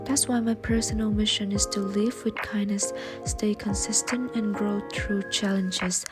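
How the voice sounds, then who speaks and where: A young woman from Vietnam, a postgraduate student, reading a reflective personal narration in a soft, often near-whispered voice over faint music. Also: mid-range voice, steady tone, a little slow.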